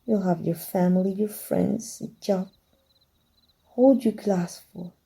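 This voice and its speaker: In an ASMR roleplay, a Mexican female voice actor plays a secretive, cunning dark magic teacher, soft and measured, slipping into whispers. Her medium-pitched voice is steady, dark and husky, with gravelly fry at phrase ends.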